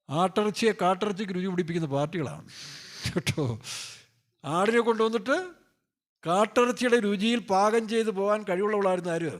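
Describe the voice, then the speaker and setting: A male pastor preaching a sermon in a loose, joking way, firing off rhetorical questions and playfully acting out scripture characters. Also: high voice.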